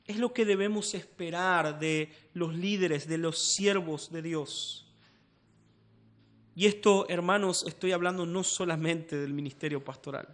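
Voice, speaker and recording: Emphatic Argentine pastor preaching. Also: male voice, fairly high pitch, unhurried. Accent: Argentine Spanish. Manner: emphatic, swinging between quiet asides and raised exhortation. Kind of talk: sermon. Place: church.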